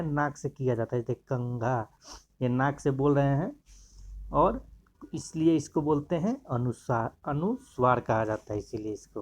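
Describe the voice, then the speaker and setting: A man's voice: medium pitch, a little mellow. A man teaching a grammar lesson, explaining step by step and pointing to examples as he goes.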